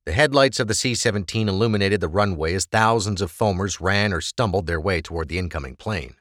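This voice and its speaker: A man's voice: low-pitched, fairly quick, fairly bright tone, dry recording. A man narrating an audiobook with a dramatic, varied delivery on a close microphone.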